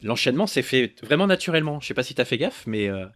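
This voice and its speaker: A man co-hosting a casual music podcast, thinking aloud with pauses. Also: medium pitch, sing-song, fairly bright tone, no room sound. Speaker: podcast co-host. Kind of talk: casual chat about music. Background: music playing.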